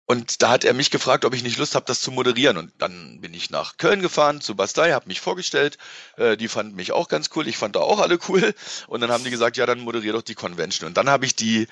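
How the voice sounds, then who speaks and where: Guesting on an interview, a middle-aged event presenter and moderator talks casually and enthusiastically, rambling in colloquial speech. His mid-range voice is a bit bright, and the slightly dull audio has no echo.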